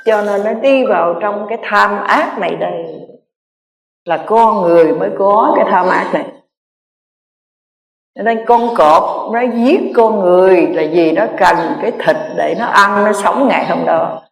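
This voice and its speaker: A Buddhist nun gives an earnest sermon, repeating key phrases for emphasis and addressing her listeners directly. Her mid-pitched voice, measured and touched with vocal fry, echoes through a roomy hall with long, trailing reverb.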